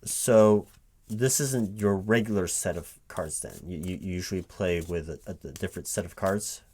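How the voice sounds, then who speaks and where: Playing a recruiting manager, a man with a low, husky, darkish voice speaks at a moderate pace in a one-sided interview roleplay. It's soft-spoken ASMR at a normal volume, and he stammers and repeats words hesitantly.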